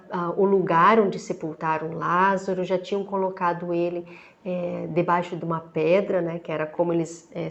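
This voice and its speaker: A woman deacon with a Brazilian Portuguese accent, giving a reflective Bible study and reading scripture aloud, often checking in with her listeners. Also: mid-range voice. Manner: slow, thoughtful, with frequent "né?" tags.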